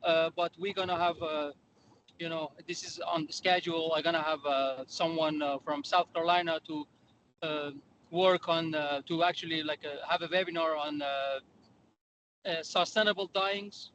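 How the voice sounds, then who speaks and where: A man's voice: fairly high pitch, steady tone, normal speed, fairly bright tone, highs cut off. Hesitant man on a car speakerphone. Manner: hesitant, many "uh" fillers. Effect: calling in by phone from a car while driving. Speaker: section education chair. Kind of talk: meeting remarks. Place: in a moving car. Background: faint car noise.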